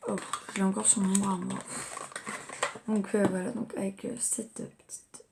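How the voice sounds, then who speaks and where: A woman's voice: mid-range voice, flat delivery, a little slow, vocal fry, noisy background. A young woman chatting casually as she unboxes gifts in a home vlog, rambling with lots of fillers. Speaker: vlogger.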